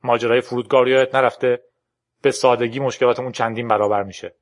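A man reading a storybook's lines for a tense young woman programmer who urges a friend to flee, in an urgent, hurried manner. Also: medium pitch, steady tone, lightly acted.

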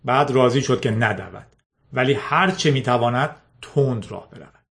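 A man narrating a story aloud in a steady, measured reading. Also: mid-range voice, gravelly. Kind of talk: scripted audiobook narration.

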